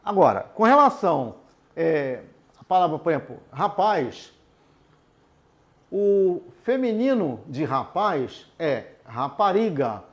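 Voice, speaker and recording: His voice is on the high side and swings widely in pitch as he leads adult learners through a literacy lesson at the board. Patient and unhurried, he pauses to ask the class "tudo bem?".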